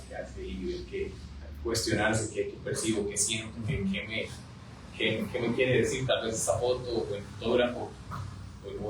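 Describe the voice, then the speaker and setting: A man's voice: lowish voice, noisy background. A man from southern Costa Rica with a Costa Rican accent, speaking as a panelist with frequent hesitations and repeated words. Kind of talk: panel discussion remarks. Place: historic house, event room. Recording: echoey room from far off.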